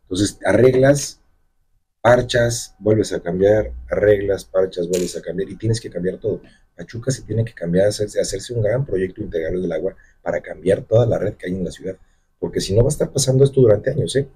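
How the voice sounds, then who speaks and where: A man's voice: low-pitched, brisk, dark tone, breathy edge. A middle-aged man with a Mexican accent, a mayoral candidate answering emphatically in a radio studio on a desk mic. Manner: emphatic, campaign-speech delivery. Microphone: desk microphone on stand.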